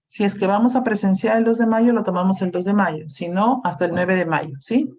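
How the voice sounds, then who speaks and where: A little fast and medium-pitched, her tone darkish, this university clinical lab lecturer teaches via video call amid slight hiss or hum. She explains steadily, checking with students through "¿no?" and "¿sí?" and filling gaps with "este".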